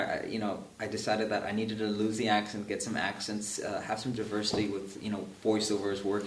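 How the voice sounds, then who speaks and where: A young man, an actor, chatting in an interview, halting and often repeating his words. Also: lowish voice, fairly bright tone. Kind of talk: casual interview chat. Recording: echoey room, distant mic, faint hiss.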